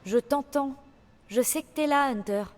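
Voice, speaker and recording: A woman's voice: high-pitched, moderate pace, soft background music, natural voice. An actress playing a playful, bookish young female sorceress in a French video game dub, talking with a teasing lilt.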